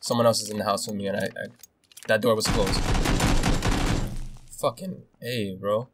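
Excitable young man narrating gameplay. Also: on the low side, normal speed, very noisy. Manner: excitable, swearing, shifts between hushed nervous muttering and yelling. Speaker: gaming video host. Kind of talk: casual gameplay commentary.

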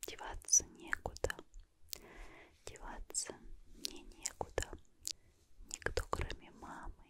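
A tired young woman chatting in a gentle, breathy whispered murmur, ASMR style, very close to a condenser microphone. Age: young adult. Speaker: ASMR host. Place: small dim room, lying on a pillow. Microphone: large condenser mic very close to mouth.

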